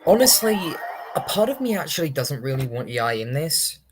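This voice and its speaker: Speaking at normal speed in a slightly rough, somewhat high voice with big pitch swings, this young man streams a game and offers loose, meandering, hesitant commentary. The streaming microphone picks up game sound too, with faint music from the game behind him.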